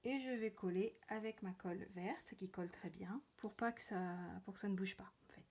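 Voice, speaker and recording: A woman's voice: mid-range voice, moderate pace, a little mellow. Woman showing card crafting at her table, lots of ums, chatty, sometimes near a whisper. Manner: chatty, hesitant, many fillers and restarts. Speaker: crafting tutorial host. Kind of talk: casual craft demonstration.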